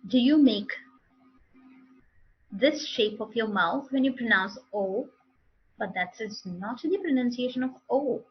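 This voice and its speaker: Woman teacher with an Indian English accent, unhurried and drilling words, fairly high, dull lo-fi sound. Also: animated, a little hiss or hum. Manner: slow, deliberate, repeating model words and sentences. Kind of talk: demo lesson on pronunciation.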